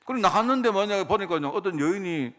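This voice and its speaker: A man preaching a sermon, telling the story with lively acted-out voices and rhetorical questions. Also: high voice, fast. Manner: animated storytelling, acts out characters, rhetorical questions. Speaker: pastor.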